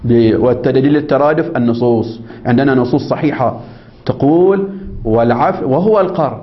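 A brisk man with a mid-range voice lectures on religious law at a seminary. He reads passages aloud, explains them, and keeps testing listeners with leading questions to confirm they follow, all on a dull lo-fi recording.

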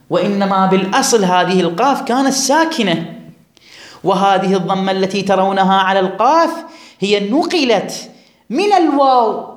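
A man teaching a classroom grammar lesson, drawing out and repeating words for his students. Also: high voice. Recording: echoey room.

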